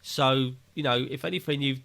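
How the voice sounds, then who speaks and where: A man's voice: mid-range voice, fairly even intonation, normal speed, vocal fry, fairly bright tone. A man co-hosting a podcast, chatting casually and ribbing his co-host, swearing freely. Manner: joking, banter-heavy, swears freely. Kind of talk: casual chat.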